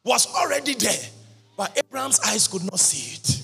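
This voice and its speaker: A man preaching a sermon at a convention, in chanted, half-sung lines that burst into shouts. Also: very high voice, expressive, normal speed, gravelly, slightly rough. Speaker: prophet preaching. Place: large church or convention hall. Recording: reverberant hall with music behind.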